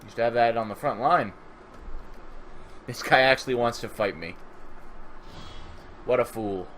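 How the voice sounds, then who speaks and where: A man casually commentating a strategy game at home, relaxed and rambling, thinking aloud, a bit sleepy. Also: mid-range voice, moderate pace, a little hiss or hum. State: sleepy, just woke up. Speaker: gaming channel host. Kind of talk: casual let's-play commentary.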